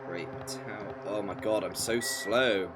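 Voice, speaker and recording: With game music behind him, a streamer acts out a visual novel's lines and drops in incredulous asides. His voice is lowish and a little slow, and the recording is very noisy.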